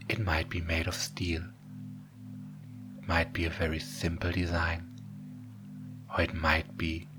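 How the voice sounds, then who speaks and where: Deep guy doing hushed hypnosis right up in your ear, barely varies his tone, bossy and deliberate, music behind him. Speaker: hypnosis audio narrator. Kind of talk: slow, hushed adult hypnosis narration.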